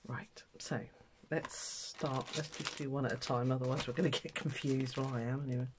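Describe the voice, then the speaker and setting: An older woman from England, nose stuffed with a cold, talks at a moderate pace in a bass voice with fairly even intonation, amid background noise. Hosting her craft channel, she chats casually and self-deprecatingly while packing sewing kits at an indoor table, with an overhead camera capturing only her hands.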